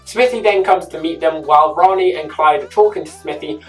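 Youtube host reading a recap script, chatty little asides, mic a bit far off, soft music under it. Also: medium pitch, a little fast. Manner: chatty, adds personal asides. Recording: distant mic with faint music behind.

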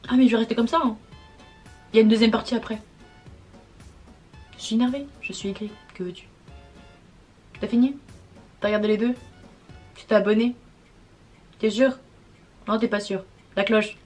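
A woman's voice: fairly high pitch, normal speed, pauses often, soft background music. Exasperated young woman venting, slangy. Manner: exasperated, slangy, swearing, animated. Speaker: vlogger. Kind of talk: casual storytime monologue.

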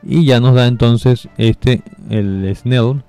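A man giving casual step-by-step commentary over a game walkthrough, relaxed and explaining with fillers. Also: medium pitch, slow pace, smooth, soft background music. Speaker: gameplay guide narrator.

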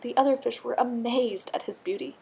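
A woman narrating a children's storybook aloud in an expressive, scripted style. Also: a little high, brisk, vocal fry, husky. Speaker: storybook reader.

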